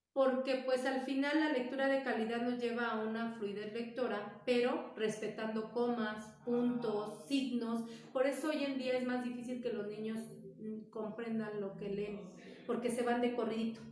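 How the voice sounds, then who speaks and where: A woman's voice: fairly high pitch, a little mellow. A woman teacher, patiently explaining reading methods to parents and often checking in with "¿sale?". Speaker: primary school teacher. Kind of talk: teaching parents in an informal talk. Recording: echoey room, far from the mic.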